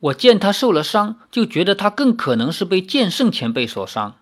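A man voicing a brash, playful young swordsman in a read-aloud novel, raised high and cheeky. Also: sing-song, normal speed. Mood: teasing.

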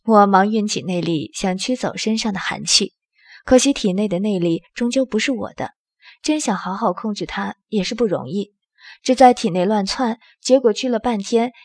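Speaking in the first person, a woman tells an audio drama's story in a steady narrating style. The sound is clean studio quality with no echo, and her mid-range voice moves at a moderate pace.

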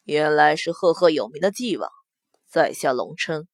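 A woman reading a storybook puts on a composed young nobleman with a lowered, measured voice. He is cool and courteous, and the recording is close and dry. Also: lively intonation, no echo. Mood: cool polite.

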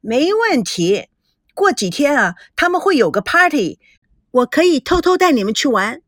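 A woman's voice: sits high, sing-song, normal speed, fairly bright tone, no echo, clean studio sound, voice pushed up. A woman voicing a proud, boastful rich teenage girl in a storybook reading. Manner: boastful, bossy, generous.

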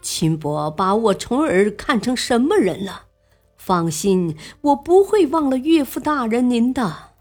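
A woman's voice: medium pitch, big pitch swings, a little slow, husky, faint music behind. A woman voicing an earnest exiled male prince who speaks with indignant force in a storybook reading. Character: proud exiled prince, grown man, earnest.

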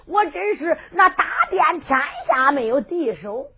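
A woman's voice: high-pitched, very animated, a little slow, full character voice. A woman voicing a cocky young hero in Henan dialect. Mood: boastful. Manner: quieter, mocking and boastful. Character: cocky young male hero, boastful and defiant. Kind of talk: sung storytelling with dialogue. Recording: tinny lo-fi recording with faint fiddle music.

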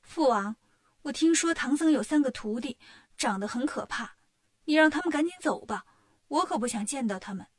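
A woman's voice: high voice, lively intonation, moderate pace, no echo, clean studio sound. A woman voicing a haughty young princess, speaking in a pert, dismissive way.

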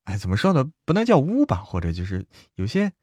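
A man's voice: medium pitch, huge pitch swings, fast talker, a little mellow, breathy edge, no room sound. A man chatting animatedly as co-host on a casual livestream, laughing easily. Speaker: co-host, apprentice to the host.

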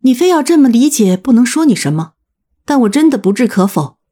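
A woman voicing a composed male university teacher who answers a heckling student with measured, firm reproach in an audiobook. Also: fairly high pitch, sing-song, warm tone, pitched above the performer's own voice.

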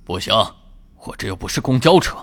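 A man's voice: mid-range voice, very animated, a little fast, slightly rough. A man voicing an irritable middle-aged ambulance driver who talks bluntly and scolds, in a storytelling performance. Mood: exasperated. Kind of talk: storytelling voice acting.

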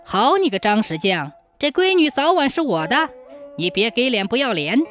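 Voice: mid-range voice, expressive, moderate pace, fairly bright tone, soft background music, natural voice. A storyteller voicing a lecherous, bullying male overseer in a folk tale, with a smirking, taunting manner.

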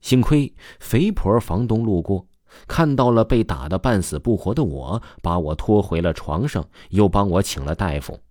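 A man telling an audio story with a very deep, dark voice and animated, swinging pitch. The recording is dry and close, with no room sound. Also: normal speed, no echo.

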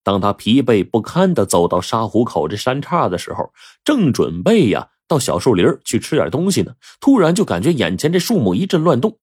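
A man telling a folk tale, with animated, dramatic narration. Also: mid-range voice, a little fast, few pauses, husky, no room sound, studio quality. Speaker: storyteller. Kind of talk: oral storytelling.

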